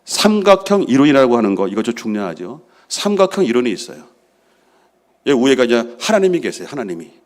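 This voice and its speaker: A man's voice: mid-range voice, sing-song, brisk. Middle aged pastor guy preaching, voice jumps all over, asks the church stuff then answers it himself. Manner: asks the congregation questions and answers them himself; drops to a soft hush for prayers he acts out. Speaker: senior pastor. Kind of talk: sermon.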